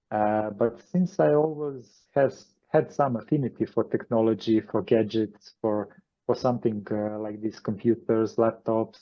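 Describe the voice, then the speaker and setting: A man from Croatia with a Croatian accent, answering interview questions as a guest, pausing often with fillers and restarts over a video call. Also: medium pitch, highs cut off. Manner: hesitant, many fillers and restarts. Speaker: guest channeler.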